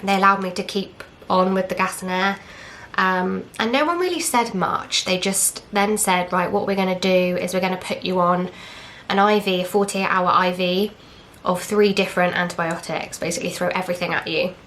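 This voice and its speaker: A woman's voice: lowish voice, steady tone, moderate pace, hardly any pauses, fairly bright tone, slight background noise. A young woman from England, candidly telling a personal story in casual chat, acting out what others said. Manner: candid, chatty, retells with quoted dialogue and fillers. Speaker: vlogger.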